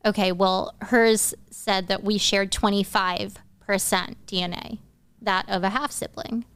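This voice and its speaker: Animated woman telling a story. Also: mid-range voice, clear, resonant tone, no room sound. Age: 30s. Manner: animated, quick-talking, breaks into laughs. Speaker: podcast guest. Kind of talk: casual storytelling.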